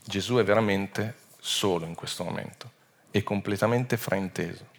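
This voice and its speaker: A man preaching a Bible sermon, expressive, rising to loud emphatic peaks and sinking low and quiet, often restarting words mid-phrase. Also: moderate pace.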